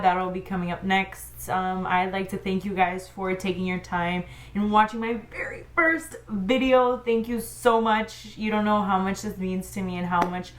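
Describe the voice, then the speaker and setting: A woman beauty vlogger talking viewers through a makeup tutorial in a chatty, informal way, as if to friends. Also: medium pitch. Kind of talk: casual makeup tutorial chat.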